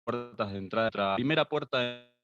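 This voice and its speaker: A man presents a workshop for teachers over a video call from his phone. He speaks haltingly, repeats words and uses fillers, and the call audio keeps cutting out and stuttering. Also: medium pitch, a bit bright. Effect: choppy call audio that cuts out and stutters. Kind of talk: talk on an online video call. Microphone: phone on mobile data. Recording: dull lo-fi call audio with dropouts.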